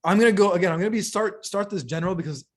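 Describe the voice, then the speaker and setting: A man coaching business owners in a lively teaching talk, often checking in with "right?" and "okay?" and restarting phrases as he goes. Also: high-pitched, rapid-fire. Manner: stumbles and restarts mid-phrase.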